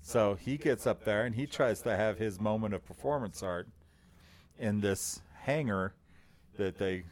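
A man co-hosting a casual chat podcast, telling a story with many fillers and frequent laughter. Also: lowish voice. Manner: laughs often, halting with fillers. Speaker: podcast co-host.

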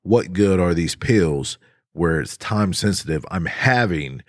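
A man with a very low, deep voice talks in a loose, rambling way, full of fillers and easy laughs. It sounds like a relaxed podcast chat recorded close and dry, with no room sound. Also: measured pace, no echo. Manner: laid-back, rambling with many fillers, laughs often. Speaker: podcast co-host. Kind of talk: casual chat.

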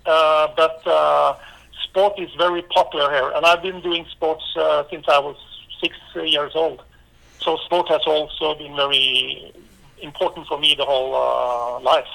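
A man from Norway with a Norwegian accent, a former volleyball player answering interview questions in halting English full of fillers and restarts. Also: fairly high pitch, fairly even intonation, gravelly, bright, forceful tone, low-quality recording.

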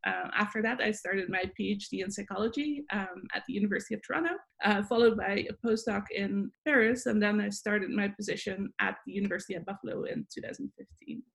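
A woman's voice: medium pitch, fast talker, creaky, few pauses, a bit bright. Dutch-accented woman, thoughtful guest. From Netherlands. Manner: thoughtful, many fillers and restarts. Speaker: guest, psychology professor. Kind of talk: interview answers.

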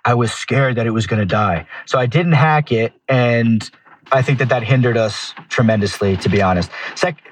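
A man's voice: medium pitch, normal speed, a little hiss or hum, rough recording. A man chatting casually and telling stories in a slangy way, full of dude and bro. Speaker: guest falconer telling stories. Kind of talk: casual chat, animated storytelling.

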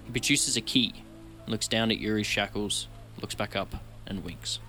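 Bright-toned man narrating a fantasy game. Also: fairly low pitch, moderate pace, soft background music. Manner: steady, descriptive storytelling. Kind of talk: dramatic story narration.

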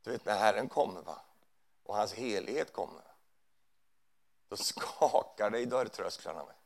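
A lowish, gravelly voice with lively intonation carries this man's sermon. Speaking in a church hall, he preaches in a chatty way and frequently checks in with the audience through tag questions.

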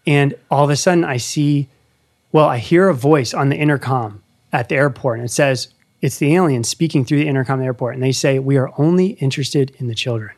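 Man, thirties, host, casual chat, earnest storytelling, medium pitch. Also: fairly quick. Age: 30s. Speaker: podcast host. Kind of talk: casual conversation.

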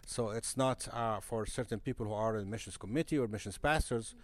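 A man from Egypt, a guest in a podcast interview, speaking earnestly and restarting his phrases often. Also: fairly low pitch. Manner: earnest, halting with frequent restarts. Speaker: guest, missionary broadcaster. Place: conference center.

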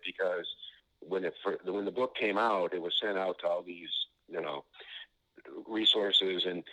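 Deep-voiced man on speakerphone. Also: fairly bright tone, low-quality recording. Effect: heard over a phone on speaker. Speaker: author and interview guest. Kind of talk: phone interview chat. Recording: phone speaker picked up in studio.

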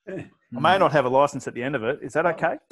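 A man's voice: on the high side, quick pace, fairly bright tone, a little hiss or hum. A man with an Australian accent bantering in a casual, joking group chat, swearing freely.

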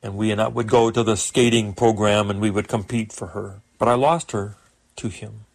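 A man's voice: fairly low pitch, steady tone, moderate pace, creaky. An older man, a pastor, preaching a sermon with earnest, emphatic rises.

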